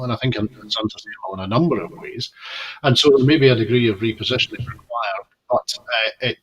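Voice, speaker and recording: A man giving political commentary as a news guest, measured and hesitant with many restarts. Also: on the low side, a bit bright, distant mic, low-quality recording.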